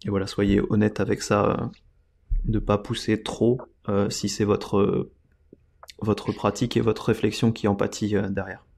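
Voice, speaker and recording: A man hosting a podcast, talking in a casual, measured way and giving his listeners direct advice. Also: lowish voice, little pitch movement, gravelly, a little mellow. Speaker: podcast host.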